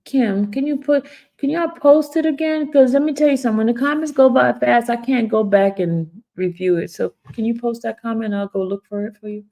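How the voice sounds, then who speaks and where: Her voice is on the high side, brisk and warm: a woman in her fifties running a relaxed live stream, going through viewer comments, joking with people by name and talking seriously about her stress.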